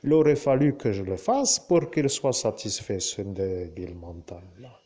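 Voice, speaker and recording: A man with a Lorraine French accent, talking to his viewers in a slow, wandering monologue and often turning to address the listener directly. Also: fairly low pitch, animated, mellow, breathy edge. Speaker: vlogger. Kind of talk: rambling monologue to camera.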